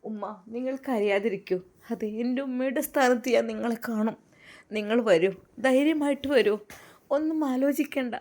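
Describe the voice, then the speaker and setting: A woman's voice: on the high side, moderate pace, darkish tone, close to an everyday voice. A woman voicing an earnest protective young man. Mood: comforting. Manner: earnest, insistent, reassuring.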